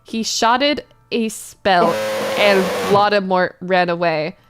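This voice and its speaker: A streamer with a medium-pitched voice performs a dramatic reading of badly written fan fiction over background music. Her delivery is exaggerated and theatrical, and she reads every misspelling exactly as written.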